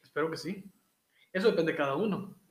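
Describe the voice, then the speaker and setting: A man's voice: a little high, fairly quick. A man from Nuevo León with a northern Mexican accent, chatting casually and jokingly as an interview guest in colloquial, slangy speech. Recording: echoey room sound.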